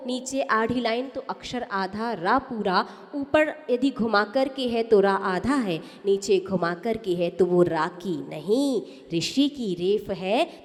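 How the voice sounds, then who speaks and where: A woman with a high voice gives a sermon as a nun, speaking very slowly and emphatically. She keeps asking her listeners questions and answering them herself as she explains pronunciation. Her voice rings with the long reverb of a hall. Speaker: Jain nun giving a discourse. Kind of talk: sermon teaching correct pronunciation.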